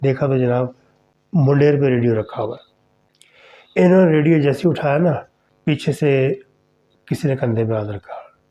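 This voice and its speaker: A man tells a horror story in a conversational, animated way, as a podcast host. His voice sits at an ordinary middle pitch. The audio is slightly dull and muffled. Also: a little slow, long pauses.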